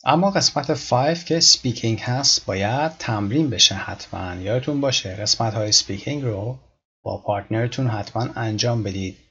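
Man, language teacher, husky voice, dull lo-fi sound, patient demonstrations. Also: mid-range voice, pushed and bright. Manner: patient, repeats words slowly to demonstrate. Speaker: English teacher. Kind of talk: explaining pronunciation in a lesson.

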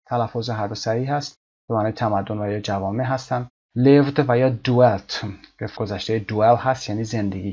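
A man teaching an English vocabulary lesson, explaining words one by one and reading English example sentences slowly and carefully. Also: lowish voice, a little mellow, dull audio.

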